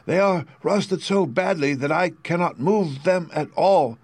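Man putting on a rusty tin man, storybook figure, polite and grateful, raised high voice, slow and stiff, louder and strained. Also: husky, no room sound. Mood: pleading. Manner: slow, stiff, pleading delivery.

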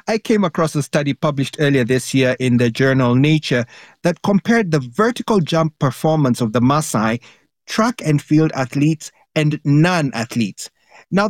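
A man with a Kenyan accent, speaking as a radio panellist and explaining a science story in a measured way. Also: mid-range voice, no echo, clean studio sound.

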